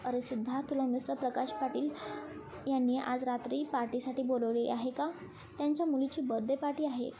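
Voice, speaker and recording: A woman's voice: high voice, fairly even intonation, a little fast, mellow, slight background noise. A woman voicing a friendly young man talking casually on a phone call in a storybook reading.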